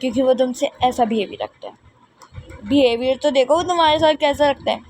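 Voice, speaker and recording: A woman's voice: high voice, brisk, darkish tone, slight background noise, natural voice. A woman voicing a pushy young friend who insists, meddles and talks the other girl round. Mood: scornful.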